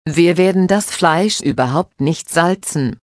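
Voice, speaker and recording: Curious girl asking questions, read by a woman, slow, slightly low. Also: dry recording, clean studio sound, lightly acted. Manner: questioning, plain.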